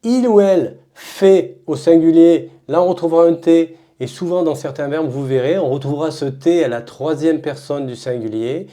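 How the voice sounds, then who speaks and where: A woman with a French accent teaching verb conjugations as a drill, saying each form slowly and emphatically and repeating it. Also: sits low, mellow.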